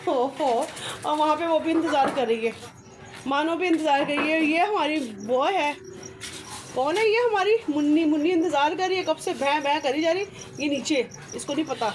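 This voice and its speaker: Chatty high-voiced woman, noisy home audio. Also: normal speed. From Pakistan. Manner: chatty, explains at length, breaks into excited laughing exclamations. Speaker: mother of the vlogger. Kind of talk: casual home vlog chat. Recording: home audio with clear background noise.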